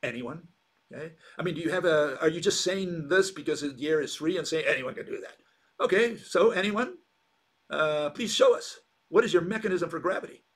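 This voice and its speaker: A man's voice: a little high, moderate pace, slightly rough. A man hosting a sardonic monologue, rambling and mocking, with many hesitations and restarts. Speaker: channel host.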